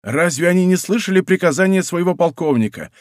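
A man's voice: high-pitched, lively intonation, a little fast, no room sound, studio quality, voice pushed up. Alarmed besieged king, raised and urgent, put on by a male narrator. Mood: agitated. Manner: agitated, raised.

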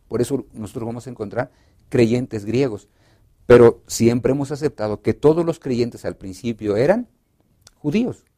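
A male pastor explaining a Bible study lesson in a lively conversational way, acting out short dialogues. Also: mid-range voice. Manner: expressive teacher, acts out dialogue, many restarts.

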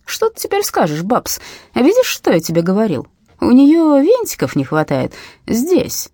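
A furious, swearing father who shouts down at a child and then sneers, as a woman reads him. His voice is lively and swings up and down, with a dark, husky tone. He sounds like a gritty family drama on audiobook. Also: a little high, unhurried, no room sound, studio quality, voice pushed up, exaggerated voice. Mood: sneering. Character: angry abusive working-class father, man.

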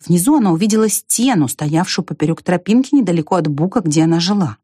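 A woman narrating a children's story in an expressive reading voice. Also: on the low side, quick pace, breathy edge, no room sound, clean studio sound. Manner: expressive, lively.

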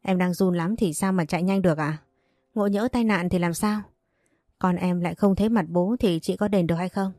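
A woman voicing a protective, excitable younger brother who presses with worried questions. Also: lowish voice, brisk, no echo, clean studio sound, lightly acted.

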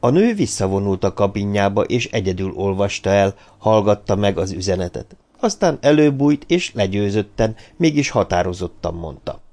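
A man narrating an audiobook in a measured, even storytelling manner. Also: fairly low pitch. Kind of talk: scripted narration.

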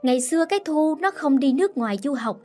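Woman doing a shrill, scornful sister-in-law. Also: lively intonation, quick pace, faint music behind. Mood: scornful, scolding. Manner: loud, mocking and scolding.

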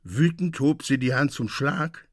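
Man reading a story aloud, expressive. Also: medium pitch, unhurried, dry recording, studio quality. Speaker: narrator. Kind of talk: literary radio reading.

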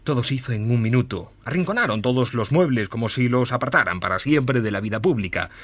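A man's voice: medium pitch, animated, a bit bright, dry recording. Man narrating a classic tale. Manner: measured storytelling. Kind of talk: scripted narration.

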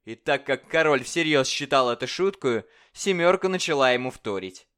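A man narrating a literary story with a measured, expressive reading. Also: mid-range voice, clear, resonant tone. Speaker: audiobook narrator. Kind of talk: dramatic audiobook narration.

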